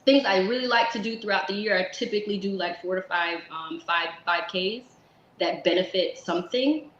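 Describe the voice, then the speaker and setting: Woman, 30s, from South Florida, interview guest, lively, laughing, restarts, slightly muffled, faint background hum. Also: medium pitch, normal speed. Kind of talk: casual interview chat. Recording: echoey lo-fi room.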